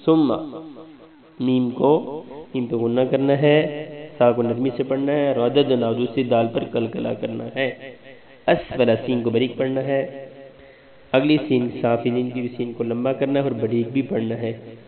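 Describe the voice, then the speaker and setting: A male Islamic scholar giving a religious lesson, explaining pronunciation rules step by step and drawing out sample words slowly. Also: mid-range voice, flat delivery, a crowd in the background. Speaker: Islamic scholar teaching Quran recitation. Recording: tinny, echoey recording with an audience.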